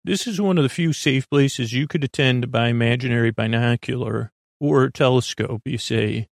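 On a sleep podcast, a middle-aged host drifts from tangent to tangent in a bedtime monologue, cutting himself off and restarting with lots of uhs. His creaky voice is medium in pitch at a moderate pace, recorded dry with studio quality.

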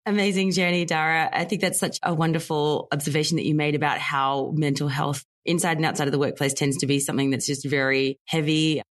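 Deep-voiced woman hosting a podcast. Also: fairly even intonation, a little fast, few pauses. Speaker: podcast host. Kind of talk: scripted introduction and interview.

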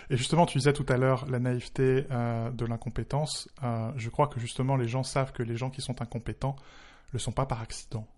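A man's voice: medium pitch, little pitch movement, normal speed, a little mellow. A man speaking as a tech journalist in a conversational commentary, emphatic and wry. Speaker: tech journalist, podcast co-host.

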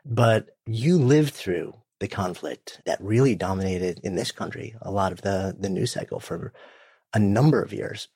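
A man's voice: fairly low pitch, animated, normal speed, dark tone, breathy edge, no echo. A man, hosting a casual interview and asking thoughtful, rambling questions. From New York, United States. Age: 50s. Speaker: podcast host.

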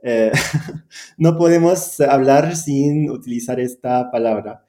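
A man's voice: mid-range voice, slow pace, warm tone, echoey room, a little hiss or hum. A man whose first language is Arabic, speaking Spanish as a guest teacher, hesitant with many fillers and frequent laughs. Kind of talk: conversational interview.

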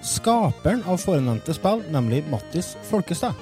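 A man's voice: a little high, sing-song, darkish tone, faint music behind. A man of forty presenting a podcast in a casual, chatty style. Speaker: podcast host.

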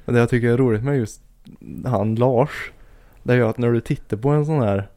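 A Swedish man co-hosting a casual chat, easygoing and quick to agree. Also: medium pitch, mellow, dry recording, clean studio sound. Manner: easygoing, short agreeing replies. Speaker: podcast co-host.

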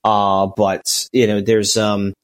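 A man's voice: lowish voice, little pitch movement, takes it slowly, clean tone. A man co-hosting a casual sports podcast, talking at length with frequent restarts and filler words. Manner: rambling, full of restarts and "you know". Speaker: podcast co-host. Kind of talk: casual chat.

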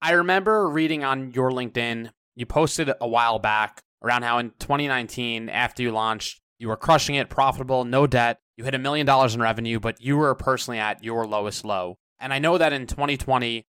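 A man's voice: mid-range voice, fairly quick, fairly bright tone, clean tone, no room sound, studio quality. A man hosting an interview, asking friendly, curious questions in a conversational way. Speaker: podcast host.

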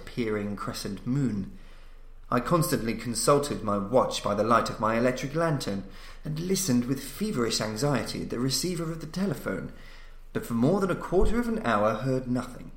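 In a roomy, echoing recording, a male podcast narrator reads gothic horror in a mid-pitched, fairly bright voice. His delivery is theatrical and solemn, shaped for suspense in the manner of a dramatic audiobook.

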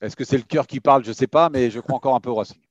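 A man with a Parisian French accent giving his views as a guest pundit in a casual sports discussion, with a halting delivery. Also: medium pitch, dry recording, muffled recording.

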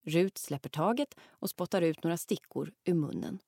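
A woman narrating a children's audiobook, reading lively and acting out the lines. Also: fairly low pitch, gravelly, dry recording, studio quality. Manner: lively, acts out the characters' lines.

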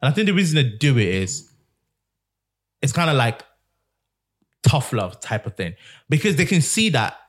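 A man's voice: mid-range voice, sing-song, normal speed, pauses often. A young man from the United Kingdom hosting a casual podcast chat with his mother, telling stories and laughing often. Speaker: podcast host.

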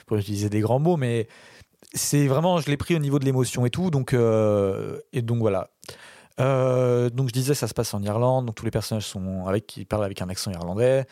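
A man's voice: medium pitch, fairly quick, mellow, no echo, clean studio sound. A man defending his film pick on a podcast, talking with lots of hesitations and restarts. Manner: hesitant, many fillers and restarts. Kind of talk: casual film podcast chat.

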